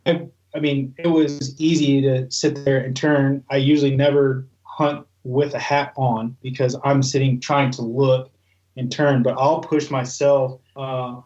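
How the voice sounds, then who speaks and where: A man's voice: medium pitch, a little mellow, highs cut off. A man talking casually as an interview guest, in a rambling, colloquial, conversational way. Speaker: guest, goose calling expert.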